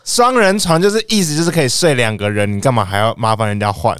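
A podcast co-host, in casual chat, teasing with quick retorts. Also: medium pitch, a bit bright, smooth, no echo, studio quality.

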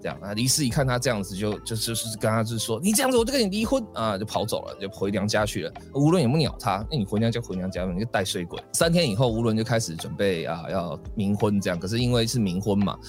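A man's voice: on the low side, fast talker, hardly any pauses, soft background music. A man hosting a podcast, casually telling a folk ghost story with many fillers and acted voices. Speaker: podcast host.

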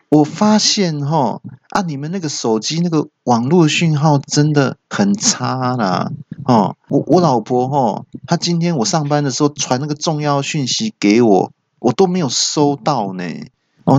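A man voicing a self-pitying middle-aged father, complaining loudly. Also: a little high, no echo, voice pushed up. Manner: whining, complaining, exclamatory. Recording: dull dry recording.

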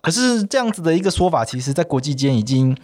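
Animated, quick-talking male host. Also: fairly high pitch. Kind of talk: conversational interview questioning.

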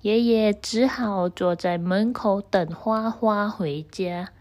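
A woman storyteller reading a story to children and gently speaking to them directly. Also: medium pitch, takes it slowly.

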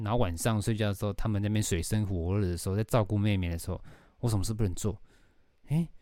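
Low-voiced Taiwanese Mandarin man rambling. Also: darkish tone, no room sound, clean studio sound. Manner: rambling storytelling with casual swearing. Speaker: podcast host. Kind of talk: casual podcast chat.

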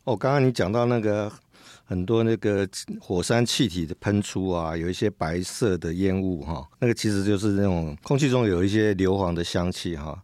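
Low-voiced man hosting a chat. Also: moderate pace, darkish tone, dry recording. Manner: chatty, leading questions with "ha" tags. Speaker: podcast host, senior journalist. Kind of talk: casual interview chat.

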